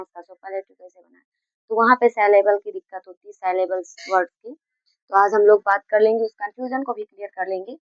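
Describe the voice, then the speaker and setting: A woman with a Hindi accent teaches grammar in a fairly high voice. She explains step by step, repeats points and corrects her own slips. The recording is dry and somewhat muffled. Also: no echo. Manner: explains slowly with repetition and self-corrections. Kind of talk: classroom-style grammar lesson.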